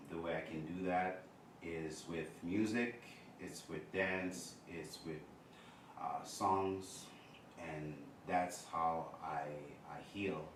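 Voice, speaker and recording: A very deep male voice, unhurried and thoughtful, with many pauses. He is from Congo and sounds far from the mic in an echoey room, with noise behind him. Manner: slow and reflective, with many pauses and fillers. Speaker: guest performer. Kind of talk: casual self-introduction. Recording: distant roomy recording with noise.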